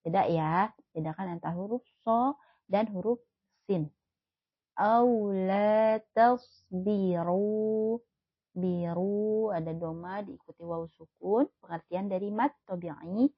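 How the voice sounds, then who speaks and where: A woman teaching tajwid. She patiently explains the rules and repeats each recited word slowly and loudly so learners can copy her. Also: lowish voice, slightly rough, no echo, muffled recording. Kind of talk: tajwid lesson with recited examples.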